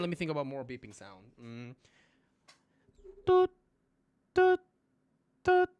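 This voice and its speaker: Lively male teacher on a live stream, jokey and crude, with a fairly high voice and dry sound. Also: dry recording. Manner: animated, jokey, swears casually, makes loud beeping sound effects. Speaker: Korean language teacher. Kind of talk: live-streamed language lesson.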